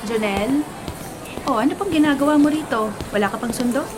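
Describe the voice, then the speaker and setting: In a radio drama, a woman with a Filipino accent plays a caring, orderly teacher of young children, speaking gently and with concern in an instructive way. Her high-pitched, brisk voice is close to everyday speech, set against music, a crowd and clearly noisy background ambience.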